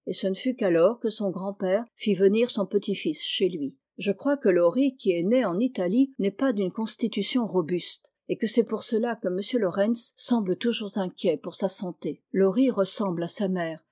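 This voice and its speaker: A woman reading a classic novel aloud, narrating in a clear, even storytelling manner. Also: medium pitch. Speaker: audiobook reader.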